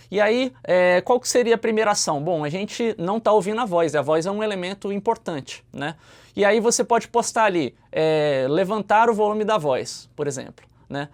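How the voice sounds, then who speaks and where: A man with a Brazilian Portuguese accent who explains audio mixing in a casual, chatty way and keeps tagging his sentences with a questioning "né?". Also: sits high. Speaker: YouTuber teaching audio mixing. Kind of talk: casual explanatory talk to camera.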